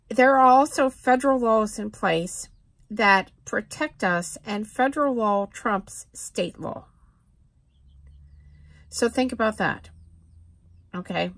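A woman's voice: medium pitch, slow pace, pauses often, no echo. A middle-aged woman talking straight to a close camera in a cluttered room, earnest and plain-spoken as a homesteading vlogger. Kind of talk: casual talking-head vlog.

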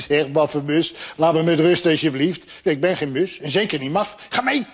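A man's voice: on the high side, steady tone, normal speed, natural voice. A man voicing a cheeky, bossy little bird that chirps and nags impatiently. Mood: teasing.

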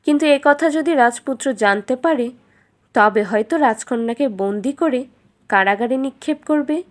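A woman narrates a children's fairytale at normal speed. Her fairly high voice follows a scripted storytelling style.

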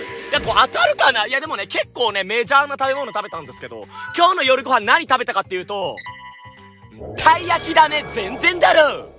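A man giving energetic, jokey let's-play commentary with loud outbursts. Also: extremely high pitch. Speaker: gaming YouTuber.

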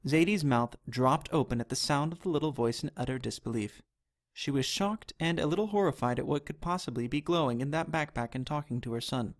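A man narrates an animated storybook chapter with a steady, even reading. His voice sits fairly high. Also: brisk.

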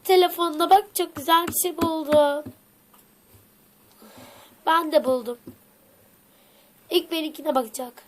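A woman's voice: high-pitched, fairly even intonation, measured pace, pauses often, slight background noise. A woman voicing all the figures in a playful toy play story, with bickering back-and-forth lines. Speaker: toy video creator.

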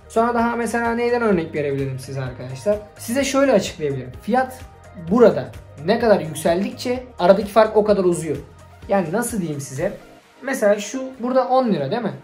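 A young man from Turkey talks through his vlog in a mellow, dark voice, teasing and grumbling in loose slang. His voice bounces around an echoey room, with faint music playing under it. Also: high-pitched. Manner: playful, grumbling at a slow website, slangy. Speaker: vlogger. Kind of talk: casual chatty vlog over a screen recording.

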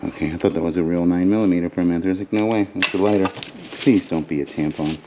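A man's voice: low voice, fairly even intonation, fast talker, highs cut off, noisy background. A man casually narrating a storage unit dig as he goes through boxes, chatty and joking, talking to his camera. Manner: chatty, joking, thinking aloud. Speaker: storage auction reseller. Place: metal storage container, indoors.

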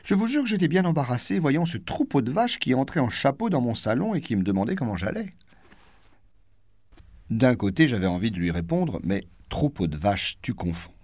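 A man doing a cutting, witty high-society duchess. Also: sing-song, darkish tone, dry recording. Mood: mocking. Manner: mocking, theatrical, rapid-fire wit. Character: witty, cutting aristocratic duchess, middle-aged woman.

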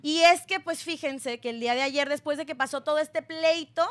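Sassy high-voiced Mexican woman. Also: moderate pace. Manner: sassy, slangy and sarcastic. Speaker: gossip channel host. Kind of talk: celebrity gossip commentary. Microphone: phone.

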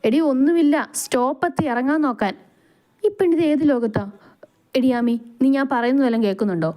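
A woman's voice: high voice, fairly quick, mellow, pitched above the performer's own voice, lightly acted. A woman voicing a playful, blunt young woman who teases her dreamy friend. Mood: teasing. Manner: teasing, scolding.

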